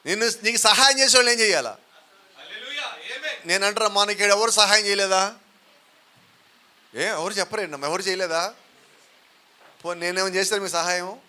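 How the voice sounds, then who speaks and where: A man's voice: sits high, normal speed, long pauses, pushed and bright. A man with a Telugu accent preaching a sermon, often putting questions to the congregation and urging them to answer aloud.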